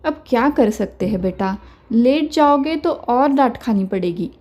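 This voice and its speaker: A woman's voice: fairly high pitch, animated, unhurried, a little mellow. A woman voicing a grown son who talks in an impatient, dismissive, complaining way. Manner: curt, complaining.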